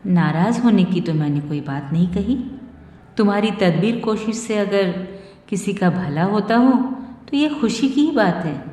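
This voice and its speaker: A woman voicing a calm, soft-spoken wife whose gentle words carry quiet sarcasm, in a storybook reading. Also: medium pitch, a little slow, lightly acted. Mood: sweetly barbed. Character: calm, cutting married wife, adult woman. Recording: roomy reverb with soft music.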